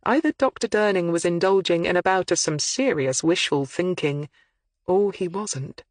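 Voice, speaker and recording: An audiobook narrator reading a mystery novel in a measured, even storytelling manner. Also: medium pitch, dry recording.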